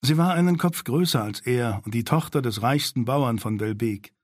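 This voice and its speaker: A man narrating a storybook in an even, measured reading style. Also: medium pitch, no echo, clean studio sound.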